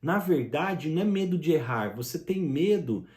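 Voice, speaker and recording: Man, motivational speaker, punchy rhetorical delivery, higher pitch with a mellow tone. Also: lively intonation, normal speed, echoey room. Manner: emphatic, addresses listener directly with rhetorical questions. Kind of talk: motivational talk to camera.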